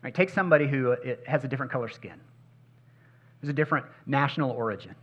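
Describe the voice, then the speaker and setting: A male pastor preaching a sermon, swinging between loud emphatic passages and hushed, intimate ones, and repeating key phrases for emphasis. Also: mid-range voice, fast talker, muffled recording.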